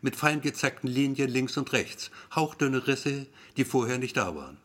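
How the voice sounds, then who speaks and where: A man voicing Lisa, an unsettling woman who murmurs in a low, soft, soothing way. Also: lively intonation, normal speed, close to an everyday voice.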